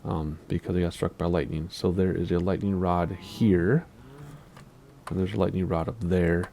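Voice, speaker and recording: A man's voice: deep voice, steady tone, moderate pace, vocal fry, mellow, a little hiss or hum. A man with a Minnesota accent giving casual gameplay commentary on a building tour, rambling along and asking himself questions aloud. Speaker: Minecraft YouTuber giving a base tour.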